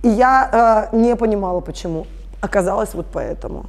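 This woman in her thirties talks fairly quickly in a medium-pitched, darkish voice, explaining her work as a family constellations facilitator. Her tone in the conversational interview is earnest and explanatory, and she addresses the audience directly.

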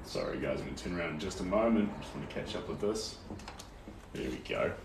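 Fast, sing-song, low, and creaky, this young New Zealander from Tauranga on the North Island paints on a livestream, easygoing and encouraging as he reads viewer comments. The small indoor studio sounds roomy, with faint noise from a camera or phone set a few steps away.

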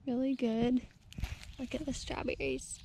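A young homestead vlogger gives a casual walking tour of her rural garden on a hot day, filmed outdoors on a handheld action camera. Her voice sits high and is very animated with some vocal fry, her pace measured, her talk easygoing and chatty with lots of fillers, over heavy background noise.

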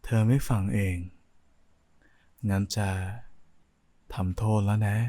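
A young man acts out a playful, affectionate boyfriend in an intimate ASMR role-play. His voice sits fairly low and he takes his time, coaxing and teasing softly. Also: level tone, takes it slowly. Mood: mock stern.

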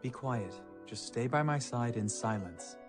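An actor playing a devoted, quietly commanding husband in a romance game. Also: male voice, medium pitch, expressive, measured pace, soft background music, close to an everyday voice. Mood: tender, firm.

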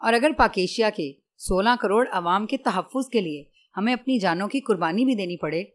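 A woman's voice: mid-range voice, lively intonation, brisk, lightly acted. Woman narrating cold ruthless male agent, icy, clipped commands, audiobook. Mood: grim.

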